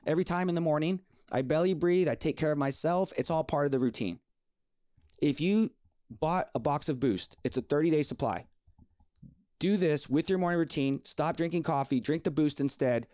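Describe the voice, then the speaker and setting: A man in his forties speaks as a podcast host, with a voice pitched a little above most men. He talks in a lively, emphatic, motivational way. The recording is close and dry, with no room sound. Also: dry recording. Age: 40s. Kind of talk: solo health podcast monologue.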